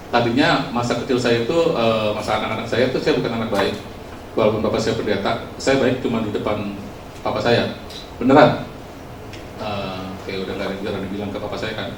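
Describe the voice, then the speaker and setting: A man giving a casual, storytelling sermon to a youth congregation, chatty and self-mocking with lots of filler words, recorded in a church hall. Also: lowish voice. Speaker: youth preacher. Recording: roomy, distant mic, faint noise.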